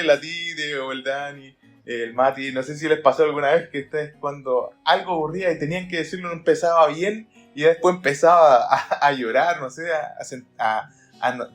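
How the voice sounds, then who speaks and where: A man's voice: a little high, moderate pace, faint music behind. A man, a pastor, talking earnestly in a Bible study podcast and explaining by acting out readings.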